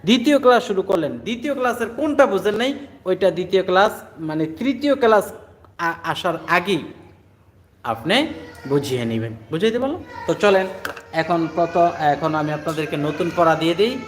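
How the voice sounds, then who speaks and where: A man leads a Quran reading lesson, his voice sitting a little high. He talks patiently and repeats each Arabic letter sound slowly for his students. Faint background noise sits under the recording. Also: very animated. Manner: patient, repetitive, drills letter sounds aloud. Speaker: Quran teacher. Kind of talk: online Quran reading class.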